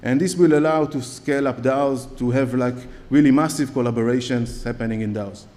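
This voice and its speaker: Speaking briskly in a mid-range, darkish voice, a man with an Israeli accent gives a conference talk with audience questions. He stands at a lectern on the stage of a large hall, hesitating with many fillers and restarts, and the recording has long hall reverb.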